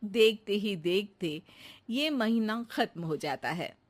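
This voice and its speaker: A woman telling a cartoon story at an unhurried pace, her pitch moving with lively variation. The narration is scripted and steady, laying out events plainly. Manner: steady, matter-of-fact storytelling.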